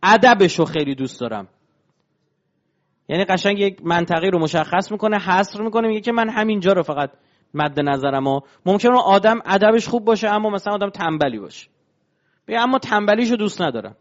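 A man with a high-pitched voice lecturing on religion. He explains his points patiently and keeps turning to his audience with rhetorical questions. The recording sounds dull and lo-fi. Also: expressive.

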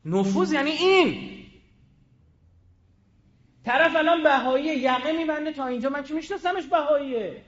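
A man giving a combative public speech, firing rhetorical questions and swinging between loud and quiet. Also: very high-pitched, animated, pauses often, long reverb tail, muffled recording. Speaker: public speaker.

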